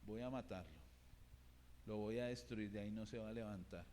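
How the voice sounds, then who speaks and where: A man's voice: fairly low pitch, moderate pace, warm tone, voice pushed down, natural voice. A man growling as a menacing devil. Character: menacing male devil threatening ruin. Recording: reverberant church hall.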